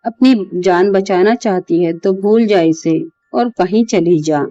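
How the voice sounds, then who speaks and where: A woman's voice: mid-range voice, slow pace, mellow, no echo, highs cut off, faint music behind, natural voice. A woman voicing a vengeful female spirit who possesses a man, speaking with threats in a horror story. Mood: menacing.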